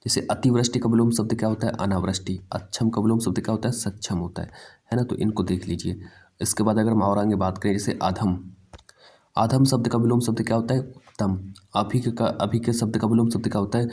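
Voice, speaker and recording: A man with a low, mellow voice runs through an exam-prep language lesson. He drills each word again and again and keeps calling the students "bhai". His delivery is easy and unhurried. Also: fairly even intonation, breathy edge. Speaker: teacher.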